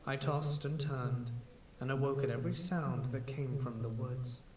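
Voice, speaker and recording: A man narrating a scripted horror story in a measured, slow storytelling manner. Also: medium pitch, a little mellow. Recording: echoey room, distant mic, faint hiss.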